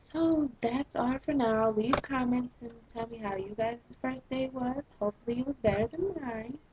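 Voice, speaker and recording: A woman's voice: on the high side, moderate pace, muffled recording, slight background noise. Exasperated teenage girl vlogging. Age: teens. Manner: exasperated, sarcastic, animated complaining. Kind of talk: casual vlog rant.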